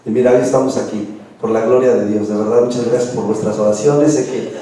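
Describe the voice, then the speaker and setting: A man's voice: medium pitch, fairly even intonation, brisk, mellow. A man with a Mexican accent preaching a sermon in a conversational way, repeating words and asking the audience questions. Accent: Mexican Spanish. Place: church hall. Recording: very echoey church hall, voice far off.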